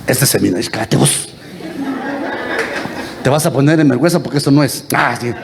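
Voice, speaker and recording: A man's voice: medium pitch, normal speed, creaky, a crowd in the background. A Guatemalan priest giving a homily, teasing his congregation and quizzing them with the same question again and again. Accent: Guatemalan Spanish. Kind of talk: lively interactive homily. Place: church.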